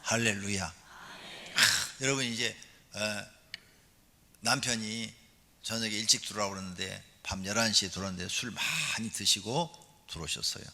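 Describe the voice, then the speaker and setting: A man preaching a sermon as a pastor, animated, acting out scenes with voices and leading the congregation in call-and-response. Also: moderate pace. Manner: animated preaching, acts out a nagging wife in a high voice. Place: large church hall. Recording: church hall with long reverb.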